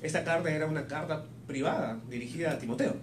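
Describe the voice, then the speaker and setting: Speaking fast in a fairly high voice, a man interprets preaching live, phrase by phrase, with some hesitation and rephrasing along the way. Clear background noise and echo fill the room.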